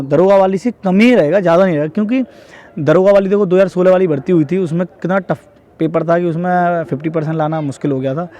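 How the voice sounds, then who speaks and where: A mellow voice, pitched on the high side, comes from a young man in northern India giving viewers casual exam advice. He explains repetitively and keeps checking in with tag questions that seek agreement.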